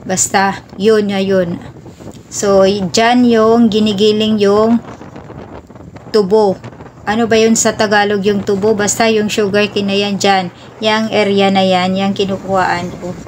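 Casual Visayan woman, chatty vlogger voice, mid-pitched, recorded on a phone from a moving motorbike, faint background noise. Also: little pitch movement, a little slow. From Visayas, Philippines. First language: Cebuano (Bisaya). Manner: chatty, rambling, gives road-safety advice. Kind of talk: casual travel vlog narration. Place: riding pillion on a motorbike outdoors.

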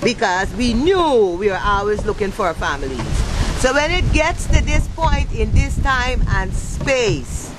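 A woman's voice: lively intonation, measured pace, hardly any pauses. A woman in her fifties from Guyana, speaking passionately in an outdoor interview, firing off rhetorical questions into a handheld mic. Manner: passionate, rhetorical questions, wide pitch swings. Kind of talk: impassioned interview talk. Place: outdoors under a thatched shelter. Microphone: handheld mic held by interviewer. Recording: outdoor recording with wind noise. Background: wind and outdoor noise.

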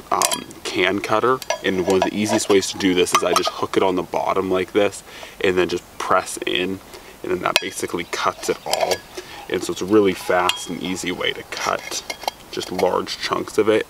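Seated in a woodland, this young Alaskan vlogger talks through an outdoor demonstration in a loose, chatty way, full of fillers and false starts. His low voice carries vocal fry, and the camera-mic recording has a noisy background.

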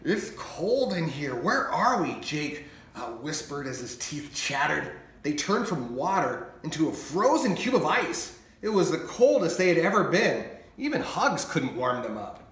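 Animated man reading a children's story. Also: on the high side, a little slow, echoey room. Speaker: meteorologist and author reading his book. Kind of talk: children's story read-aloud.

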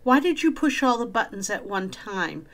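A woman's voice: fairly high pitch, sing-song, moderate pace, a bit bright. A middle-aged woman hosting a spirit box session in a casual, direct, questioning way. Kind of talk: casual vlog intro and slow questioning of a spirit.

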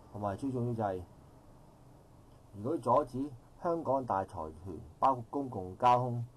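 The low-quality recording, with slight background noise, captures a middle-aged man of medium pitch speaking up from the audience at an outdoor park forum. With a Hong Kong Cantonese accent, he rambles at length in formal language and keeps correcting himself.

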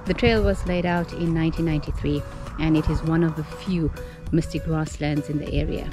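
A woman from South Africa narrates a tour of a small wooden cottage in a chatty, enthusiastic way. Her voice is a little low for a woman. She films on a handheld camera, and music plays clearly behind her. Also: steady tone, brisk. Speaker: travel vlogger. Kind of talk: casual house-tour vlog narration. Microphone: handheld action camera.

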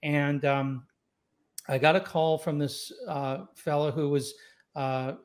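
Slow and flat in delivery, his voice a little high, a man in his sixties tells stories as a saxophonist guest in an easygoing, reflective manner with plenty of fillers and restarts. Born in Scotland and raised in Los Angeles, he joins a relaxed interview by video call from a home room with wooden doors and shelves, using a studio mic on a boom arm.

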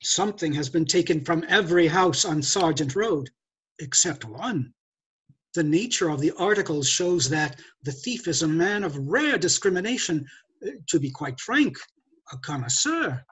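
An older man acting a glib gentleman thief in a social satire play. His husky voice swoops expressively as he lectures with haughty, theatrical condescension. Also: fairly high pitch, lively intonation, normal speed, heavily acted. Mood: smooth condescension. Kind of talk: stage play read over video call. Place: indoors, curtained room. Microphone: video call.

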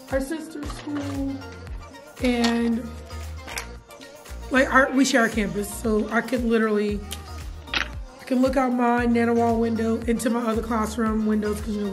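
A young woman, a teacher chatting casually to camera in her classroom, animated and full of fillers. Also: fairly high pitch. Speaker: middle school science teacher. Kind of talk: casual vlog chat. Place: classroom, indoors.

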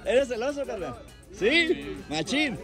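A man's voice: extremely high pitch, sing-song, slow pace. A young man with a Mexican accent hosts a street challenge, teasing and cheering people on in slangy casual talk, filmed on a handheld phone in a crowded plaza. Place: crowded outdoor plaza by a car. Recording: loud crowd and music outdoors.

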